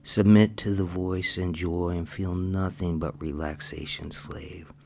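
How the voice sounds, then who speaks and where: A man's voice: sits low, flat delivery, a little slow, vocal fry, a little mellow. A man leading a scripted hypnosis session in a commanding, hypnotic manner, slipping into whispers at times.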